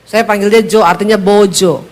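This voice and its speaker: A woman pastor with a Sulawesi accent, preaching a humorous sermon in a lively, joking way before a congregation in church. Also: mid-range voice, normal speed.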